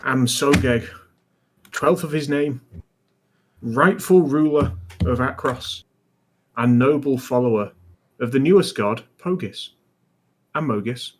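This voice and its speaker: Man putting on a crackly mustache-twirling villain. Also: mid-range voice. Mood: boastful. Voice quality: crackly, throaty voice. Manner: grandiose mustache-twirling villain, slow proclamations. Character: mustache-twirling charismatic villain, pompous barbarian ruler.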